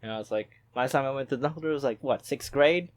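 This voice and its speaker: A man's voice: mid-range voice, quick pace. A young man from the Philippines co-hosting a podcast, chatting casually and laughing as he swears through his stories. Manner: laughing, swearing, animated banter. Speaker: podcast co-host. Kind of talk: casual chat.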